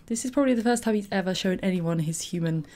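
A woman commenting on a game she is playing, gushing and giggly with excitement. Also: mid-range voice, quick pace. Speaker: gaming YouTuber. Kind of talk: let's play commentary.

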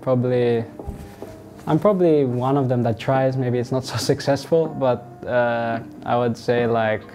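A young man from Australia, a football player answering interview questions in a relaxed, halting way with many fillers. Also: medium pitch. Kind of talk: sit-down interview. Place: indoors in front of a wall of football boots. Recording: music playing underneath.

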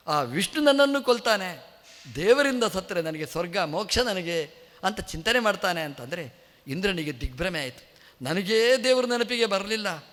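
A man's voice: sits high, a bit bright. A man giving a devotional sermon, telling a story with rhetorical questions to the audience. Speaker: religious leader giving a discourse. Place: temple hall. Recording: echoey temple hall.

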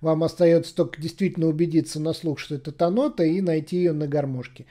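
Mellow-voiced man teaching harmonica. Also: fairly high pitch, fairly even intonation, fast talker. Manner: plain, patient step-by-step explaining. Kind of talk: casual tutorial explanation.

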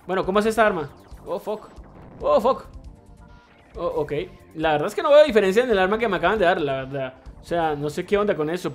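High voiced guy streaming a retro shooter, cursing and laughing, faint game music underneath. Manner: excitable, swearing, laughing, mixing English slang; reads chat messages aloud. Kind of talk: live gameplay commentary.

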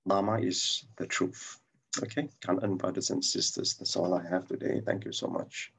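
A man's voice: sits low, fairly even intonation, normal speed, gravelly, a bit bright, breathy edge. A man giving a reflective dharma talk over a video call, hesitant, with many fillers and restarts. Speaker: dharma sharer.

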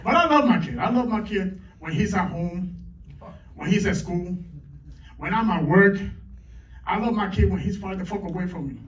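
Middle-aged guy doing crude standup, teasing the crowd, kinda high voice, muffled far-off club recording. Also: lively intonation, normal speed, long pauses. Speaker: stand-up comedian. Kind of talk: stand-up comedy set. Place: comedy club stage. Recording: echoey club, distant mic, dull lo-fi.

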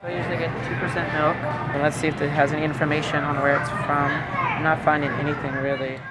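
A vlogger in his twenties chats casually while shopping in a grocery store, thinking aloud with ums as he reads labels. His voice is a little high, flat and fast, with loud music behind it. The rough recording comes from a handheld camera mic.

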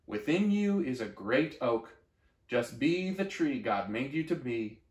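A man voicing a loving, steady mother oak tree who speaks softly and reassuringly. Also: mid-range voice, a little slow, roomy sound, distant mic. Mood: tender. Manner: soft, reassuring.

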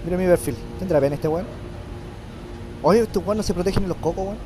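A young man with a Chilean accent commenting on a game playthrough, nasal from a cold, joking crudely and breaking into loud swearing yells. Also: high voice, a little fast, background noise. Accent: Chilean Spanish. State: has a cold, slightly nasal. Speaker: gameplay commentator. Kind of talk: casual let's-play commentary. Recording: game music playing behind.

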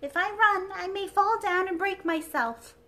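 A woman's voice: very high-pitched, a little slow, pushed and bright, pitched above the performer's own voice, full character voice. A woman reading a storybook aloud, voicing a timid, dainty china doll princess in a frightened little voice. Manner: fearful, delicate and prim.

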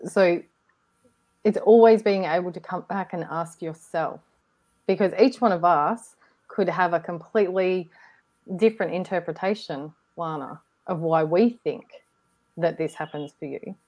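Lower-voiced woman cohosting an online chat, reflective n encouraging, lots of restarts. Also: unhurried, dull audio. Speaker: co-host. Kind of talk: casual group discussion on a video call.

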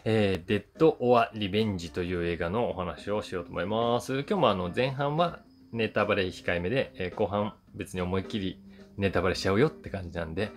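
Talking to camera in a loose, emphatic style, this forties-aged YouTube film reviewer and voice actor speaks a little fast in a low register. Guitar music runs in the background.

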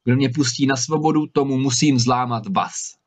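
A man's voice: medium pitch, lightly acted. A man voicing a huge menacing male spirit trapped in a bottle, who thunders threats and wails pleas in a storybook reading. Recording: slightly dull recording.

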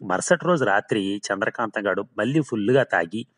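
Guy reading as a dead drunk laborer ghost, keeps swearing it's true, lowish voice, horror audiobook. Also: lively intonation, brisk, a bit bright. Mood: recounting.

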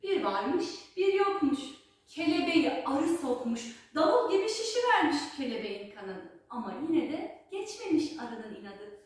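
A storyteller tells a children's folk tale in a rhythmic, rhyming, theatrical way. Her high voice is sing-song at normal speed, captured by a distant microphone in a very echoey space.

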